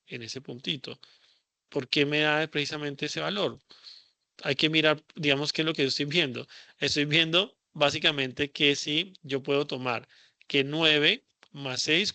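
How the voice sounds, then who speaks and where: A man's voice: a little high, normal speed, creaky, bright, forceful tone, dry recording. A man teaching a class, thinking aloud with many fillers and checking questions. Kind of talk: classroom lecture.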